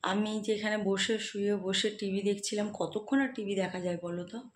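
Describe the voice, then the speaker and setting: A woman's voice: mid-range voice, steady tone, moderate pace, slight background noise. Chatty middle-aged woman with a cold. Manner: chatty, homely, addresses viewers directly. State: has a cold, stuffy nose and sore throat. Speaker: lifestyle vlogger. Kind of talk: casual chat to viewers. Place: at home.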